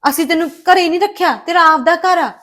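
Woman playing protective Punjabi woman, high voice, earnest, insistent. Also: fairly quick, close to an everyday voice. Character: caring protective woman, Maninder. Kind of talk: Punjabi web drama acting.

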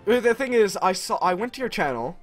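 With a high voice and big pitch swings, a young Canadian man talks briskly while playing a strategy game, teasing his co-player and laughing at his own jokes. The voice itself has no room sound, though faint game music sits behind it.

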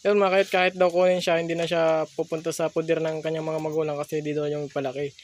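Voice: medium pitch, level tone, quick pace, slight background noise. A Filipino vlogger with slightly slurred speech from missing front teeth, talking casually to viewers and interviewing people on camera. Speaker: vlogger interviewing a family and host. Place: open rural shelter.

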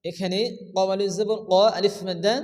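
A man teaching Quran reading, who explains each rule in plain words and then chants every word slowly. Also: high-pitched, level tone, darkish tone, long reverb tail. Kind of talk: Quran recitation lesson.

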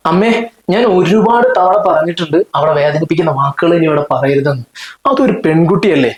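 A man plays a loyal young husband in a short film drama, talking fast in a high voice. He pleads and reasons earnestly; the room echoes with voices behind him. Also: slight background noise, close to an everyday voice. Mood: protesting. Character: loyal young husband, defends his wife.

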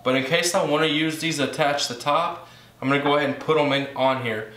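A man, a woodworking channel host, giving relaxed, plain-spoken how-to narration with small self-corrections. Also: fairly high pitch, fast. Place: home garage workshop. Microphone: camera mic from across the room. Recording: very echoey garage, distant mic, faint hiss.

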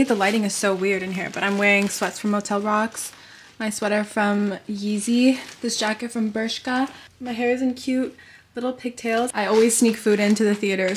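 A young woman talking casually to her camera while making breakfast at home, full of "like" fillers. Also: medium pitch. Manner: chatty, lots of "like" fillers. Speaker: vlogger. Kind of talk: casual vlog chat. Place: home kitchen. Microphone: handheld camera mic. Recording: echoey room with faint noise.

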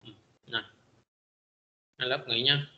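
Middle-aged man, math teacher, classroom lecture, hesitant fillers, bright voice, echoey dull recording. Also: medium pitch, fairly even intonation, measured pace. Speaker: high school math teacher.

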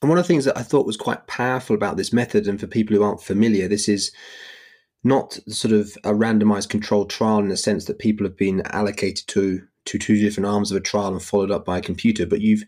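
A man's voice: fairly low pitch, steady tone, fast, a little mellow, slightly rough. A man interviewing on a podcast, wordy and tentative, often rephrasing as he goes. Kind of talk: interview questioning.

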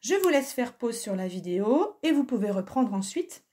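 A woman teaching a recorded lesson for young children, speaking slowly and patiently and carefully sounding out letters. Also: a little high, sing-song, mellow. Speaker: primary school teacher.

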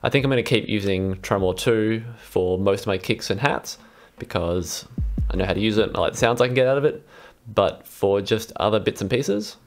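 A young adult electronic musician who hosts a vlog speaks fairly quickly in a lowish voice, with slight background noise present. Laid-back and informal, he demonstrates a music patch from his computer in a small room, synthesizer music behind him.

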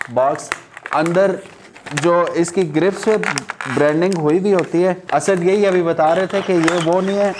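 A product reviewer from Pakistan sits in a small indoor studio room, casually reviewing motorcycle grips in a chatty, persuasive style and mixing in English phrases. His voice is on the high side and a little mellow, with slight background noise.

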